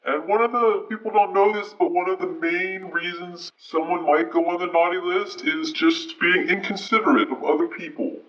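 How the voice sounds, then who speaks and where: A man playing a kindly old Santa Claus, answering interview questions in a gentle, reassuring, fatherly way. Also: high-pitched, steady tone, moderate pace, few pauses. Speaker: interview guest. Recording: dull archived clip, distant mic.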